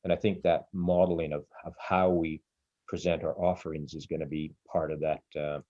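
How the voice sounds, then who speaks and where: A man's voice: extremely low pitch, little pitch movement, moderate pace, warm tone, no echo, highs cut off. A man hosting an online group call, thinking aloud in a rambling way with many restarts, heard over video-call audio. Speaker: webinar host.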